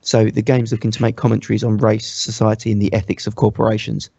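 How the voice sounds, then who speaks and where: Co-host, man, low gravelly voice, dry dull stream audio, chatty and animated. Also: fast talker, no room sound. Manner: animated, laughing, leading the discussion. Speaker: podcast co-host. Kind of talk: casual gaming chat.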